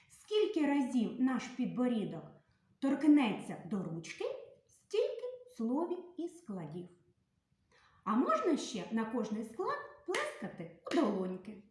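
A woman teaching a slow literacy lesson to small children, speaking in a sing-song way and stressing each word strongly. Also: fairly high pitch, darkish tone. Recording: echoey room.

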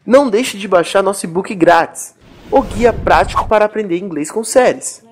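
A man hosting a pronunciation lesson, explaining slowly and repeating words. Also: sits high, a little hiss or hum. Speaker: English teacher and channel host.

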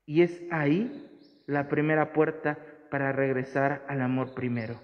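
A man's voice: mid-range voice, little pitch movement, unhurried. A man giving a homily at mass, earnest and building to emphatic repetitions. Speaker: priest. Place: church. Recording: dull sound with long church reverb.

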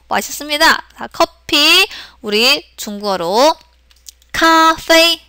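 Woman teacher, high voice, slow syllable drills, dry close sound. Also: pushed and bright, clear, resonant tone, no room sound. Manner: slow, drawn-out pronunciation drills. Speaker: Chinese teacher. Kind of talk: beginner language lesson.

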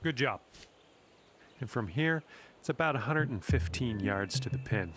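A man commentating on golf shots, calm and encouraging, speaking straight to the player. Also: medium pitch, unhurried, slight background noise. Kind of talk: sports commentary.

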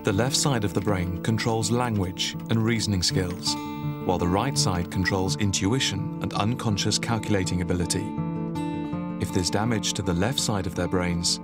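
A man reads a scripted documentary narration in a measured, even voice. His pitch sits somewhat low. Guitar music plays clearly behind him.

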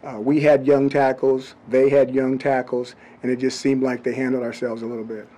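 A middle-aged man, a head football coach, giving blunt, measured answers at a postgame press conference into table microphones. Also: medium pitch, little pitch movement, dark tone. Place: press room before a branded backdrop.

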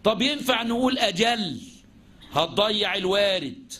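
With a little hiss or hum in the background, a man teaches Islamic jurisprudence in a high-pitched, animated, bright and forceful voice at a moderate pace, speaking with an Egyptian Arabic accent. His religious lesson features questions he answers himself and mixes formal classical phrasing with colloquial speech.

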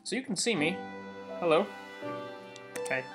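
A young man hosting a let's play, excitable and rambling, jittery from coffee and breaking into sudden high squeals. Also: moderate pace. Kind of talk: casual gameplay commentary. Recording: game music playing loudly behind. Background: video game music.

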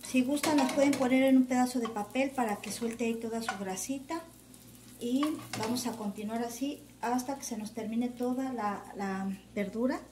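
A woman with a Mexican Spanish accent, a home cook presenting recipes, talks through the cooking steps one by one in a casual, homely voice-over, using lots of diminutives. Her voice sits on the high side at a normal speed. The home recording is roomy and echoing, with background noise.

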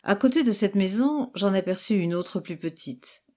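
A woman reading a classic tale aloud as narrator, with expressive storytelling. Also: medium pitch, normal speed. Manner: expressive storytelling with lively exclamations. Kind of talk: literary audiobook reading.

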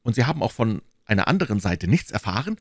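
Forscher junger Musketier, von einem Mann gelesen. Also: male voice, on the low side, big pitch swings, fast, a little mellow, no room sound, studio quality, pitched above the performer's own voice. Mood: brash. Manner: brash, exclaiming. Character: bold, quick-tempered young male swordsman. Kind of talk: audiobook reading.

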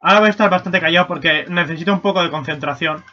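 A young man commenting casually on a video game stream, swearing and breaking into excited shouts. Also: fairly high pitch, very fast. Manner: excitable, swearing, bursts into shouts and silly voices. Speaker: gaming streamer. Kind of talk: casual let's-play commentary. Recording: lo-fi stream mic audio.

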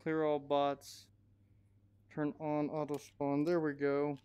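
Excitable, swearing young-sounding gamer guy. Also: a little high, takes it slowly, slight background noise. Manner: profane, excitable, talks to himself. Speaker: gamer playing a VR shooter. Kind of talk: casual gameplay commentary.

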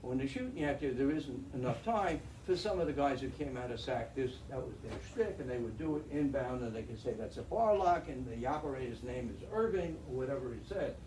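An older veteran pilot, invited as a guest speaker, gives a slide lecture in a meeting room with a projector screen. He's a chatty, wry storyteller with restarts, speaking a little fast with hardly any pauses, in a medium-pitched, slightly mellow voice with lively intonation. A far camera in the audience captures it, so the sound is roomy, distant and faintly noisy.

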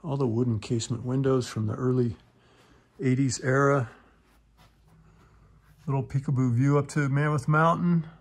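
Touring a wooden townhome indoors, a man in the role of real estate agent names its features in short, clipped phrases. His mid-range voice is steady, at a moderate pace, with frequent pauses.

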